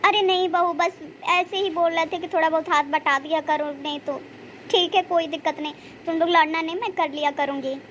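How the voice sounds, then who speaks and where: A woman's voice: extremely high pitch, fairly even intonation, a little fast, fairly bright tone, a little hiss or hum. A woman voicing an emotional, pious mother-in-law who prays aloud and heaps praise on her daughter-in-law in a cartoon story. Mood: upset.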